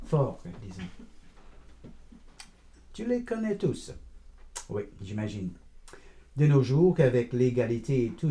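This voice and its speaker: A man's voice: medium pitch, lightly acted. A man voicing a rambling old grandfather. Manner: meandering, digressive, gently teasing. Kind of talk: first-person audiobook narration.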